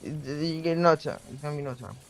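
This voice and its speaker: A man's voice: a little high, quick pace, a little hiss or hum. A man playing his character in a tabletop game, talking in a hesitant, stumbling way. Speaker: player. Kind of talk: in-character tabletop role-play.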